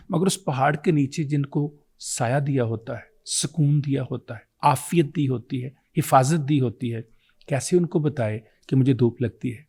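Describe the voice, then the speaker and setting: A man's voice: medium pitch, a little mellow, slightly rough. Male guest, Pakistani Urdu accent, fervent orator who builds long runs of rhetorical questions. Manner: rhetorical questions, impassioned and preaching. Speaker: guest speaker. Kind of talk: emotional oratory on fathers.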